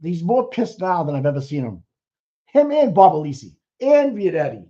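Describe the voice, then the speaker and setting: Excitable man, muffled stream audio. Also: high voice, moderate pace. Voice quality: profane, excitable, rambling with restarts. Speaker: co-host. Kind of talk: casual chat.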